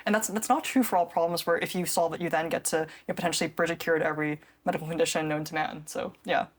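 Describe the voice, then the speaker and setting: Young woman cofounder, lowish voice, lots of ums and likes, thinking out loud. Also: fairly even intonation, fast talker. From grew up in New Zealand. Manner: thoughtful, many fillers and restarts. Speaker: cofounder and CEO. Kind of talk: casual interview talk.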